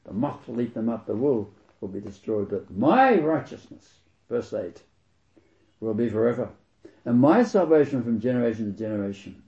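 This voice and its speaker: Male preacher, mid-pitched, emphatic and deliberate with scripture, on a dull lo-fi recording. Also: lively intonation, mellow. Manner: emphatic, slows down to stress key words; reads scripture aloud and comments on it. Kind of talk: sermon.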